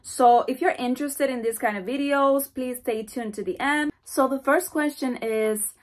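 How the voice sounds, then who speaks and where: Speaking at normal speed in a high-pitched voice, this Dominican hair vlogger keeps things chatty and lively, gesturing throughout. It's a casual indoor Q&A recorded in her bedroom with the camera framed close.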